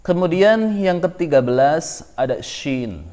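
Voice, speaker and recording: A man's voice: a little high, lively intonation, unhurried, warm tone. A man teaching a tajwid lesson, patiently repeating each rule and example in turn. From Indonesia. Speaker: Quran recitation teacher.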